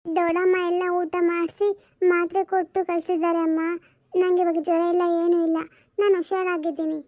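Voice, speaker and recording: A woman plays a small, earnest daughter who is recovering from a fever, with a very high and flat voice that keeps asking and pleading. This is a homemade family drama recorded dry and close. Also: brisk, no room sound. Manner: pleading and questioning. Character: little daughter, sick, caring and earnest.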